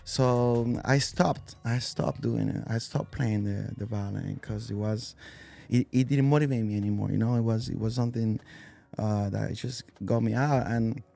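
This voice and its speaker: A man's voice: mid-range voice, steady tone, moderate pace, gravelly, mellow. A man, a guest telling his story in a loose, rambling way full of fillers and restarts. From Spain. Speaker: guest, DJ and violinist. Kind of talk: casual interview chat.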